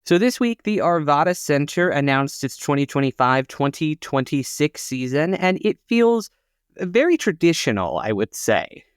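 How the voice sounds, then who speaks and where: His voice is a little high and sing-song, smooth, at normal speed, with no room sound and clean studio audio. As a theater podcast co-host, he chats casually and informatively while reading show listings, often saying "uh."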